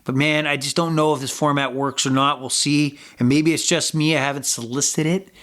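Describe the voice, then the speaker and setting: A man's voice: a little high, fairly even intonation, fairly quick, a bit bright. A man hosting a sports podcast, talking casually about football and betting picks, rambling and swearing as he goes. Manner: rambling, swears freely, frequent fillers and restarts. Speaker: podcast host.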